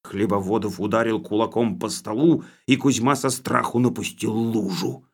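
A man reading an audiobook aloud with lively, expressive storytelling. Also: on the low side, normal speed, breathy edge. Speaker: audiobook narrator.

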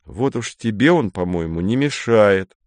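A bossy boy captain with an iron voice, quick to shout and sulk, as a male narrator puts him on. The read is dry and close, and the voice sits lowish. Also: lively intonation, dry recording. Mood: stern.

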